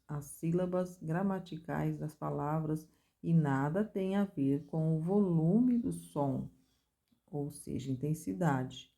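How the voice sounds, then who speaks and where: A woman's voice: deep voice, warm tone. A woman teaching a music theory lesson, explaining step by step and chanting rhythm syllables to show the strong beats.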